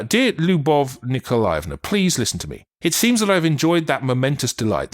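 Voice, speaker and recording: A man reading as the melancholy spirit of a dead writer and doctor, rueful and apologetic in an audiobook. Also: on the low side. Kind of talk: audiobook reading of a channeled letter.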